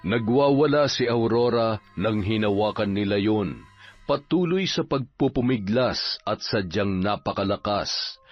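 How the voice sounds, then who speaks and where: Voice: mid-range voice, dull audio. A storyteller reading a dramatic, scripted horror narration. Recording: band-limited audio with music behind.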